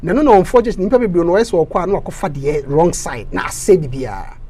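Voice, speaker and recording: Fast and very animated, this high-pitched Ghanaian-accented man campaigns for council in an impassioned interview, stammering through repeats and erupting into loud preaching. A little hiss or hum sits in the recording.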